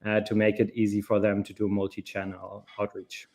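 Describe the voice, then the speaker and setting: Casual founder guest on a webinar. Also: male voice, fairly low pitch, monotone, fairly quick, darkish tone. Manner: casual, with fillers. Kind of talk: webinar talk. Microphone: video call.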